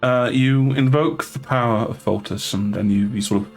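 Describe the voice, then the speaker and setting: A man narrating as game master of a tabletop game, relaxed and halting, with many fillers and restarts. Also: medium pitch, soft background music.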